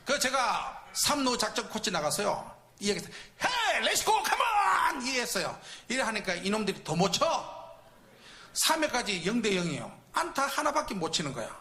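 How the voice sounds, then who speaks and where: A man preaching in a church, telling a story with loud acted-out outbursts. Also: high-pitched, brisk. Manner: animated storytelling with shouted reenactments. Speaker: preacher at a Friday night service. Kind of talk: storytelling sermon testimony. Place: church sanctuary.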